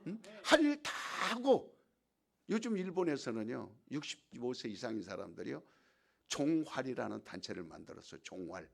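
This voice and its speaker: Male pastor, sermon, gravelly and animated, emphatic preaching. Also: medium pitch, moderate pace. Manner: emphatic preaching, call-and-response.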